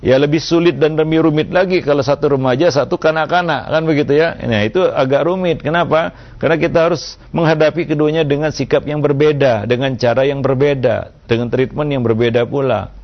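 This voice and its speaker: Guy preacher doing q&a advice, gravelly creaky voice, kinda muffled lo-fi sound. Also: on the high side. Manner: unhurried, with frequent "ya" and "kan begitu" tags. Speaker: Islamic preacher answering a listener's question. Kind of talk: religious Q&A advice. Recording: dull lo-fi recording.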